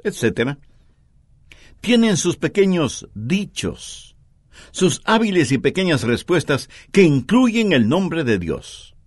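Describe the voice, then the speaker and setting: A man's voice: mid-range voice, no room sound, clean studio sound. A man preaching an earnest sermon, telling stories and making points with strong emphasis.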